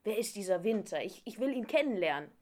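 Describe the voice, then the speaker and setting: A woman's voice: mid-range voice, big pitch swings, fast talker, a little mellow, close to an everyday voice. A woman reading a storybook, voicing a curious, eager king from hot lands who is full of wonder.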